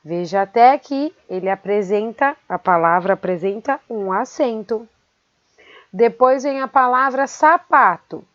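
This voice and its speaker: A woman teaching a grammar lesson, speaking slowly and carefully and repeating words syllable by syllable. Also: a little high, lively intonation, a bit bright, dry recording. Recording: dry, dull lo-fi sound.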